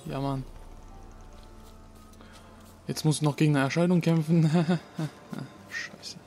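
A man's voice: fairly high pitch, steady tone, moderate pace, darkish tone. Cursing young man commenting on gameplay. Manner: swearing, self-mocking, talks to the game. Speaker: let's play gamer. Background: game music.

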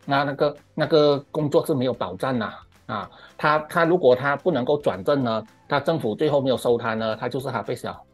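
A man's voice: medium pitch, fairly quick, hardly any pauses, faint music behind. A middle-aged man with a Malaysian Mandarin accent gives an emphatic, ranting commentary on current affairs, stretching out "ah" particles and mixing in English words. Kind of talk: opinionated monologue commentary.

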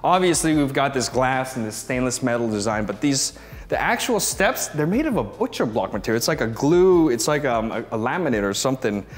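A man's voice: medium pitch, very animated, fairly quick. A man in his thirties giving a casual walk-through home tour as a gushing, admiring real estate agent. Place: inside rooms of a modern house, briefly on its balcony.

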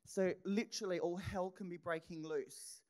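A middle-aged woman preaching a sermon in an animated way, acting out her own thoughts and dropping into whispered asides. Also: lowish voice, moderate pace. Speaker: pastor.

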